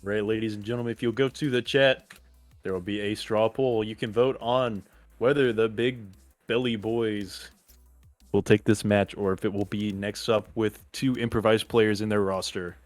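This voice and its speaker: A man's voice: on the low side, steady tone, normal speed, no room sound, faint music behind. A man co-casting an amateur game tournament, running a chat poll with dry jokes and calling the play. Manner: dry joking, play-by-play calls. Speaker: co-caster. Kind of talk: casual esports commentary.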